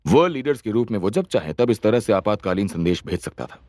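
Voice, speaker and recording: A man's voice: lowish voice, very animated, quick pace, darkish tone, dry recording. A man narrating an audio story with dramatic storytelling.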